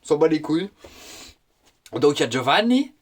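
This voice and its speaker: An eighteen-year-old man chatting casually to his viewers in a slangy, excitable vlog style. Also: fairly high pitch, normal speed, slightly rough. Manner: slangy, excitable, laughs often. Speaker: vlogger.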